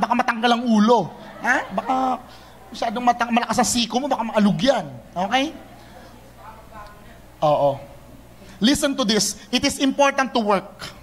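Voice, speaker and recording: A young man preaching a sermon, lively and teasing, switching between Tagalog and English. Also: extremely high pitch, a little hiss or hum. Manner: animated, mixes Tagalog and English, teasing the congregation.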